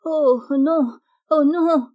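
A woman's voice: sits high, extremely slow, mellow, pitched above the performer's own voice. A woman voicing a shy, timid young girl who begs not to be asked to speak. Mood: pleading.

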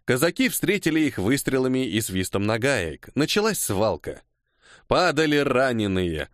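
A man reading a first-person novel aloud as audiobook narration, in an expressive manner. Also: mid-range voice, no room sound, clean studio sound.

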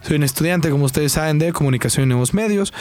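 A man's voice: on the high side, quick pace, darkish tone, dry recording. A nineteen-year-old man from El Salvador with a Salvadoran accent, hosting a sports talk show on his own and talking casually with plenty of fillers and restarts. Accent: Salvadoran Spanish.

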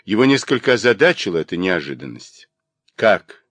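Low-voiced man reading a novel. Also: moderate pace, no room sound. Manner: expressive literary reading. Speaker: audiobook narrator. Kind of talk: scripted narration of a novel.

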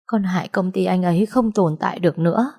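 A woman's voice: fairly low pitch, brisk, warm tone. A woman voicing a frightened young woman crying to her parents in a story. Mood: sobbing.

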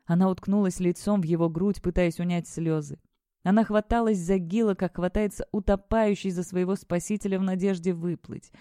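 A narrator reading a dark fantasy audiobook in a steady, measured way. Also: mid-range voice, clear, resonant tone, no room sound, clean studio sound.

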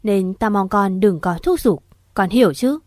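A woman voicing an older, powerful man who makes a promise in a brisk, persuasive way. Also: mid-range voice, expressive, a little mellow, no room sound, studio quality, natural voice.

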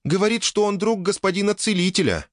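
A man's voice: sits high, expressive, brisk, dry recording, clean studio sound, pitched above the performer's own voice. A man doing a flustered young elf woman. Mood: embarrassed. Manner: exclaiming, flustered.

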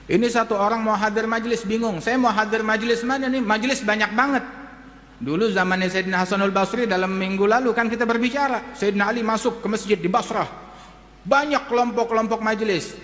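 A man preaching a sermon, telling stories and acting out the voices of the people in them. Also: high-pitched. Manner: animated, acts out voices in stories. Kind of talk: sermon storytelling. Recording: echoey hall.

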